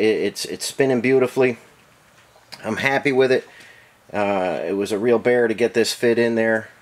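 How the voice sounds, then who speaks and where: A man casually explaining engine work in a home garage, matter-of-fact with many fillers, heard from an off-screen camera mic. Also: mid-range voice. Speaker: engine builder. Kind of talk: casual workshop demonstration.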